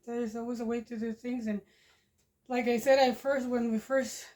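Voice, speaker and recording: A phone camera set up nearby captures a Spanish-accented woman from Mexico, in her forties, rambling casually as she does dishes by her kitchen's wood stove, with frequent chuckles and restarted sentences. The homestead vlogger speaks at normal speed in a fairly high, flat, slightly mellow voice.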